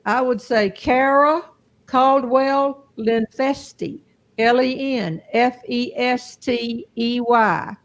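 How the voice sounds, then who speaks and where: A woman's voice: on the high side, takes it slowly. An older woman with a Southern US accent hosting a show, chatting casually and amused by herself. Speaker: host. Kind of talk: casual chat.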